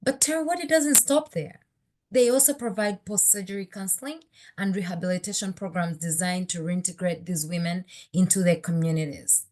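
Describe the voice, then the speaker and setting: A woman's voice: on the low side, steady tone, moderate pace, darkish tone. Woman from Uganda giving a formal speech. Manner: formal, reading a prepared speech with small slips. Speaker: board member introducing a speaker. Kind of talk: prepared speech at a virtual event.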